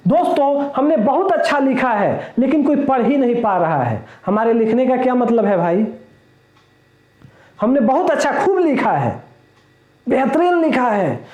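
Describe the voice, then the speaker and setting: A male teacher giving a lecture in a classroom, explaining slowly, repeating his points and asking the class rhetorical questions. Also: extremely high pitch, a little mellow, echoey room.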